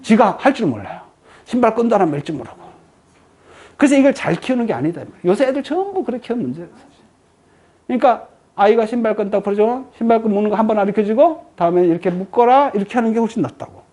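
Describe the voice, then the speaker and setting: A woman's voice: a little high, quick pace. A woman giving a lecture, asking the audience frequent questions and answering them herself. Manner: lively rhetorical questions to the audience.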